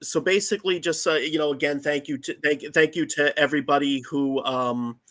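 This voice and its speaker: A man co-hosting a paranormal podcast, signing off in a halting, casual way with many restarts. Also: a little high, fairly even intonation, fairly bright tone. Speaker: podcast co-host. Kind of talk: casual show sign-off.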